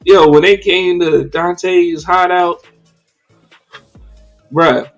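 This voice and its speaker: A man hosting a casual livestreamed podcast, talking in an animated, slangy and profane way with many fillers. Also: high-pitched, very slow, soft background music. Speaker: podcast host.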